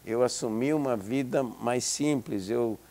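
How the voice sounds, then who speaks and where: This older psychology professor from Israel, whose first language is Hebrew, speaks at medium pitch with a darkish tone and a slightly slow pace. Appearing as an interview guest in his 70s, he talks reflectively, hesitating with many restarts and fillers.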